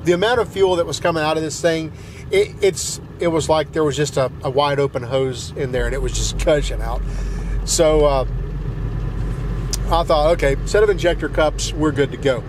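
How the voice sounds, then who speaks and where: A man's voice: a little high, fairly even intonation, normal speed. A middle-aged man with a Southern US accent telling a long story while driving, rambling with many fillers and restarts, recorded by a dash camera in a pickup cab. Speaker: truck vlogger. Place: inside a pickup truck cab, driving in snow. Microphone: dash-mounted camera. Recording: road noise behind.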